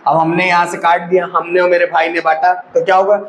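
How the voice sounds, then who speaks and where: A man's voice: high-pitched, flat delivery, brisk, a little hiss or hum, poor audio. A male maths teacher explaining a lesson to students. He asks them questions and answers them himself, and calls them brother or child.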